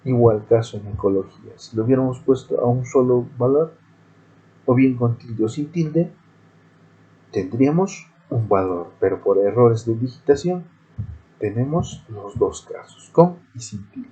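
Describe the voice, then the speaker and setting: A man's voice: medium pitch, lively intonation, measured pace, mellow, highs cut off. A male teacher giving a screen-recorded programming lesson, explaining methodically step by step.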